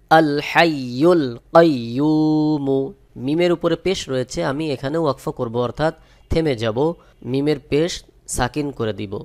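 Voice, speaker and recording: A man teaching Quran recitation, spelling out each letter and vowel and then chanting the words slowly and drawn out. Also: medium pitch, creaky, a little mellow. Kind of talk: step-by-step recitation lesson.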